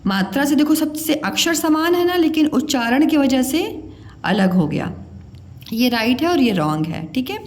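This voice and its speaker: A woman's voice: high voice, sing-song, normal speed, a little mellow. A woman teaching Hindi pronunciation, stretching out vowel sounds and repeating words to contrast them for her students. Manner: addresses students kindly as 'beta'. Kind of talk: pronunciation lesson.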